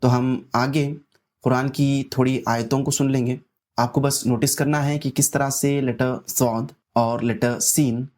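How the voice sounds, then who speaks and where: A man teaching a language lesson, explaining slowly and patiently and repeating his instructions. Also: medium pitch, a little mellow. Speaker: Arabic teacher.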